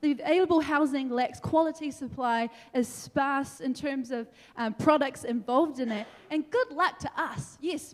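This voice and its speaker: A young woman from New Zealand giving an energetic, animated debate speech, laughing between points. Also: high-pitched. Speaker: debate speaker. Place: large council meeting hall. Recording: long hall reverb.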